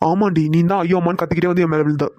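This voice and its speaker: A woman's voice: lowish voice, steady tone, very fast, warm tone, no echo, lo-fi sound, close to an everyday voice. A woman doing a teasing young male boss. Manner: playful, teasing, bossy. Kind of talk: cartoon voice acting.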